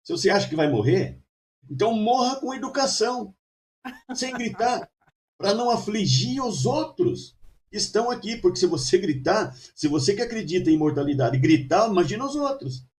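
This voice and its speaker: A man's voice: on the high side, expressive, moderate pace, mellow, slight background noise, pitched above the performer's own voice, natural voice. A stern yet playful male spirit guide, as a man puts him on in a raised voice. He talks firmly with a joking edge, a bit far from the mic. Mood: gently scolding.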